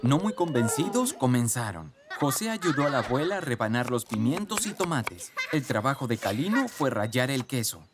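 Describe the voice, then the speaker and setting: Lively storybook narrator over music. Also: medium pitch, moderate pace, hardly any pauses. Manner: lively, expressive storybook reading. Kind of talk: scripted narration of a children's story. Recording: music playing behind.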